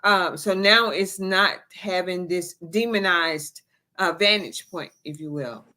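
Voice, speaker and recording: A woman co-hosting a talk show, speaking in a measured way with formal phrasing. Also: lowish voice, sharp tone. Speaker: co-host. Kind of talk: casual talk show chat.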